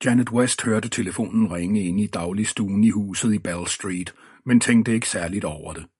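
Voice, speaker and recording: A man with a husky voice reading an audiobook in measured, scripted narration. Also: fairly low pitch, a little mellow, no room sound, studio quality. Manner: measured storytelling.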